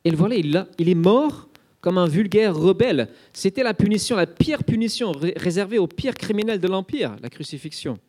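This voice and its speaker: A man's voice: high-pitched, lively intonation, brisk, a little mellow. A man preaching an Easter sermon, telling it as a vivid story with frequent little fillers. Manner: vivid storytelling, dramatizing the scenes; frequent fillers like "hein" and "euh".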